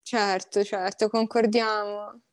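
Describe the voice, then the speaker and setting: A woman's voice: mid-range voice, little pitch movement, slow, no echo. A woman hosting a casual interview, effusive and reassuring, often chiming in with short interjections. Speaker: interview host. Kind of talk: casual chat.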